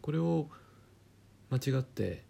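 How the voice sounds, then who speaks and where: A man teaching German pronunciation in a chatty, joking way, often dropping to a quiet aside. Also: mid-range voice, animated, slow pace, gravelly, breathy edge. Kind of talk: casual spoken lesson with jokes.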